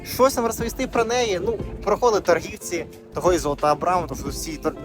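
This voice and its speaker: A man's voice: sits high, fast, music in the background. Chatty man narrating a travel vlog. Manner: chatty, conversational, with fillers. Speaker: travel vlogger.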